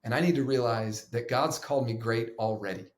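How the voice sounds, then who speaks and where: A man's voice: medium pitch, brisk. Emphatic male storyteller in a roomy room. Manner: animated, emphatic, acts out quotes. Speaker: podcast guest, pastor. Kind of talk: conversational storytelling.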